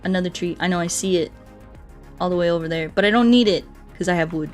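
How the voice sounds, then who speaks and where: A woman livestreams a game and chats casually with her viewers, reading out their comments in a playful, self-deprecating, expressive way. Her voice is on the low side and quick, with game music playing behind her.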